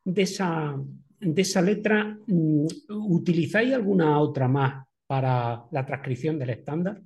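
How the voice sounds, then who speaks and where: A male interviewer asks long, winding questions and pauses often on fillers as he searches for words. His pitch sits a little high, with a soft, mellow tone. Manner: hesitant, many filler pauses.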